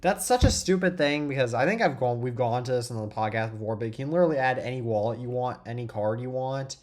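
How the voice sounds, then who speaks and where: A teenage podcast host with a cold chats casually about tech, talking fast in a medium-pitched voice. He keeps restarting his sentences as he goes.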